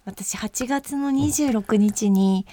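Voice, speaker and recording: A woman's voice: a little high, takes it slowly, mellow. A woman in her fifties with an Akita accent, hosting a casual chat with polite humor. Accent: Akita dialect. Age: 50s. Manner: good-humored, polite, playful. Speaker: podcast host.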